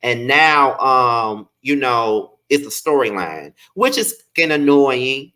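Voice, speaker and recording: A man's voice: mid-range voice, very animated, slow pace, bright, forceful tone. A man with a lisp and slushy s sounds, giving sassy, slangy, chatty live commentary as a review host. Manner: sassy, slangy, emphatic with swearing.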